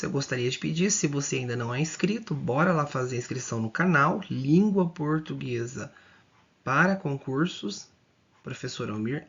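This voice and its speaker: A male teacher giving an exam-prep grammar lesson, explaining slowly, repeating key words and checking in with the viewer often. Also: on the high side, gravelly, fairly bright tone, breathy edge, highs cut off.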